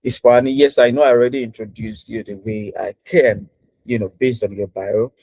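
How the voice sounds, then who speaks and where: A man's voice: medium pitch, fairly even intonation, a little fast, gravelly, darkish tone, dry recording, poor audio. A man hosting a casual interview over a video call, chatty and repeating himself with many fillers. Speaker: host.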